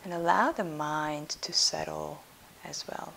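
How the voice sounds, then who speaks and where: A yoga nidra instructor with a low, creaky voice leads a relaxation meditation, speaking softly and soothingly with long pauses and letting phrases trail off into breath. The audio is poor, with a steady hiss behind her.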